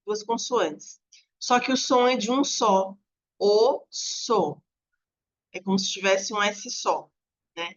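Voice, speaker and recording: A woman's voice: medium pitch, a bit bright, dull audio. A woman teacher giving an online lesson, patiently stretching out example words as she explains. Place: home apartment with dogs barking nearby.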